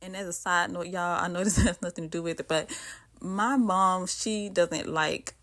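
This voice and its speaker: A woman from the American South with a Southern accent and a slightly low-pitched voice. She chats casually while cooking, speaking straight to her viewers with plenty of friendly asides. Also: fairly even intonation, moderate pace, fairly bright tone. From Southern United States. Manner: chatty, talks straight to viewers with frequent asides. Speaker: cooking vlogger.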